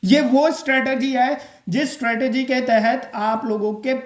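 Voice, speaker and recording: A man giving a casual exam-prep lesson, repeating his points and checking in with "okay?" and "clear?". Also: extremely high pitch, fairly even intonation, a little slow, echoey room. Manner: repeats points, addresses viewers as guys and friends.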